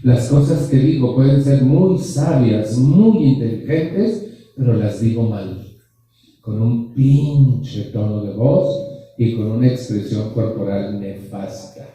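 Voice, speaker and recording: Speaking at a support group anniversary, a man with a warm, animated, mid-range voice takes his time. His motivational talk is joking and blunt, loaded with slang and rhetorical questions, captured by a distant mic in an echoey hall.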